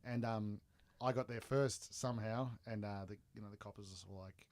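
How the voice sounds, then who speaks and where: A man's voice: fairly low pitch, fairly even intonation, moderate pace, darkish tone, no echo. Blunt rambling Australian podcast guy. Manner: blunt, rambling storytelling with slang. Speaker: podcast co-host. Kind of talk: casual chat.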